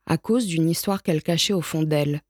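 A calm, wise old tomcat who watches over the dead speaks in a soft, patient, reassuring way, put on by a woman reading the storybook. His voice sits fairly low and the sound is close and dry. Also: brisk, dry recording. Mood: gentle. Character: wise old male graveyard cat, gentle and calm.

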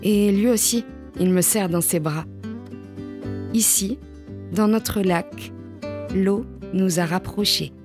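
A woman reading a picture book aloud in a gentle, deliberate way, pausing between short phrases. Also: medium pitch, music in the background. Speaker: storybook reader.

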